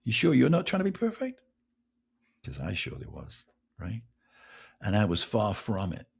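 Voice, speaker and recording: A middle-aged man, hosting his podcast in a casual, self-mocking monologue. His voice is gravelly and a bit husky, swinging widely in pitch as he fires off rhetorical questions. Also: huge pitch swings, moderate pace. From England. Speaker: podcast host.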